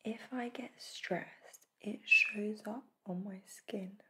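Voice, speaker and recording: Slow, soft whispered role-play by a woman. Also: mid-range voice, steady tone, very noisy. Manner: gentle, slow, reassuring. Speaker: spa facial therapist in role-play.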